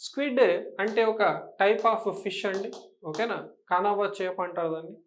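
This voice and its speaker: A man's voice: high-pitched, a little slow, fairly bright tone. A man with a Telugu accent teaching English for an exam, explaining patiently and often checking that students follow. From Telangana, India. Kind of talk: exam-prep lesson.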